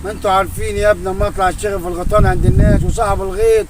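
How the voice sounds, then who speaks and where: An actor playing a poor, gentle Egyptian village father who speaks in a pleading, sighing way and keeps calling his son. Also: high voice, level tone, very fast, recorded from a distance, noisy background, close to an everyday voice. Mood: weary. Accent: Egyptian Arabic. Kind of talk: amateur drama acting.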